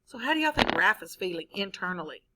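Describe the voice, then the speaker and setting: A woman's voice: medium pitch, quick pace, background noise. A woman teacher, reading a story aloud to her class and stopping to ask questions. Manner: expressive, asks the class questions.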